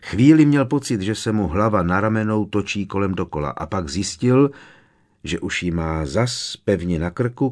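A man narrating an audiobook with a steady, expressive reading. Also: sits low.

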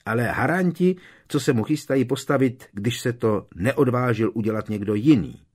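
A man's voice: on the low side, very animated, husky, pitched above the performer's own voice. A man reading aloud, voicing a cheeky teenage boy who teases and jokes. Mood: teasing.

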